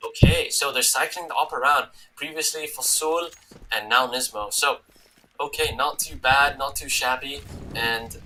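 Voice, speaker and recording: A man calls a tournament match live, his tone strikingly bright and his voice worn hoarse from shouting. He talks quickly through the action and bursts into loud exclamations whenever a big play lands. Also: mid-range voice, a little hiss or hum, low-quality recording. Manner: excitable, rising to yells at big plays. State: losing his voice. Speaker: esports caster. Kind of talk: live game commentary.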